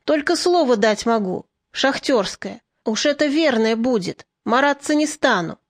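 A woman reading an audiobook, voicing a young male partisan orderly who pleads with rough folk speech. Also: on the high side, lively intonation, unhurried. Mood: firm.

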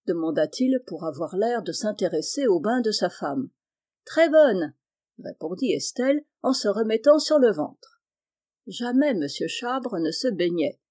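A woman narrates a classic literary tale in an audiobook reading. Her delivery is calm, measured and even. The voice sits in a middle register with a mellow, dark warmth. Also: mid-range voice. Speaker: reader.

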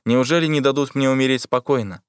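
A man's voice: medium pitch, fast, smooth, no echo, studio quality, pitched above the performer's own voice, lightly acted. A man doing a dying captain, sardonic. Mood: bitter. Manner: sardonic, curt. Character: wounded male captain, proud and bitter.

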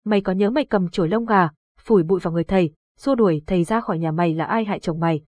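A woman's voice: lowish voice, very fast, a little mellow, no room sound, close to an everyday voice. A woman voicing a fat, hot-tempered woman who scolds through gritted teeth in an audiobook ghost story. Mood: furious.

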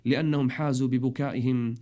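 A man's voice: mid-range voice, fairly even intonation, quick pace, dark tone. A middle-aged man giving a religious storytelling sermon, preaching with an emotional delivery that rises and falls. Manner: emotional, rising and falling delivery.

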